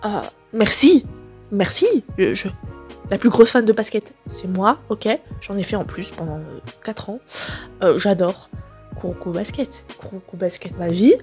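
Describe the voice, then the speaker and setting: A woman in her twenties hosting a casual, slangy chat about new manga releases, full of fillers and excitement. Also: medium pitch, a little slow, faint music behind. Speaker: manga booktuber host.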